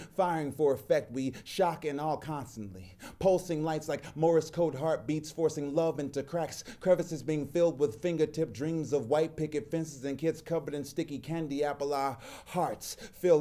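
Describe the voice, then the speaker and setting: Man reading spoken-word poetry, mellow. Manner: slow, measured, low-pitched delivery. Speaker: poet.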